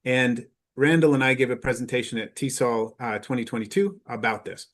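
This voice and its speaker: A man giving a conference presentation to teachers, explaining in a measured way with frequent filler pauses. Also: medium pitch.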